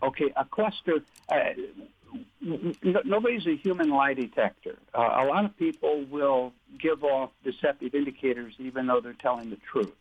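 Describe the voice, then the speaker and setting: A male expert guest on an interview talk show, explaining his methods step by step and often restarting his sentences. His voice sits at a middle pitch. He comes through a thin, tinny phone line. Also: moderate pace. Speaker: guest, deception-detection expert. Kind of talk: conversational interview.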